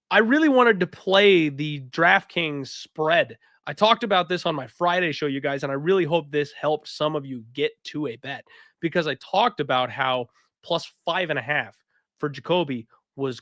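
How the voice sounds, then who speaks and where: Raspy, throaty male podcast host fighting illness. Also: fairly high pitch, a bit bright, no room sound, studio quality. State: sick, with a cough. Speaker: sports betting podcast host. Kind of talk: casual fight recap commentary.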